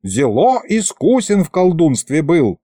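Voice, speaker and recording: A man's voice: a little high, sing-song, measured pace, mellow, no echo, clean studio sound, voice pushed up. A man voicing a cantankerous old male wizard spirit who scolds and shrieks in a folksy way. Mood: musing.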